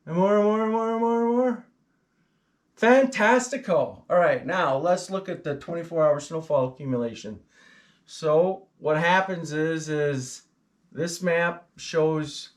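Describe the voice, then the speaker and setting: A man casually walking through a weather forecast, chatty and playful, tossing out goofy exclamations and fumbling aloud with his maps. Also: a little high.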